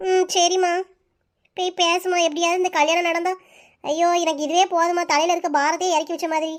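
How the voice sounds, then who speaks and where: A woman's voice: very high voice, little pitch movement, brisk. A woman voicing a worried, scolding middle-aged village mother in a cartoon, grumbling to herself. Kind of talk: cartoon voice-over.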